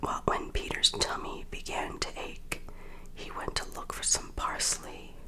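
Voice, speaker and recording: Female ASMR storyteller. Full breathy whisper throughout, unhurried and deliberate, gentle bedtime read for children's tales.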